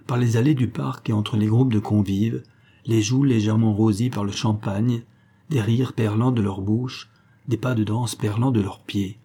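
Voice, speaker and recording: A man narrates a literary novel in a calm, measured first-person reading. His voice sits fairly low and dark, with a husky grain. The delivery is reflective and unhurried. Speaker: audiobook narrator.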